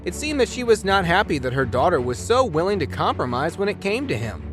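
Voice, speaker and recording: A man's voice: high-pitched, sing-song, brisk, music in the background. A man narrating court show clips in a dramatized way, with exclamatory, scolding asides. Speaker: video narrator.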